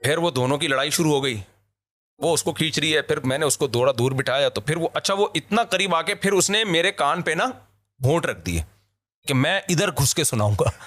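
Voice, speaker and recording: A Pakistani man who vlogs is chatting casually, telling stories in an animated, emphatic way and laughing often. His voice sits a little high and he talks briskly.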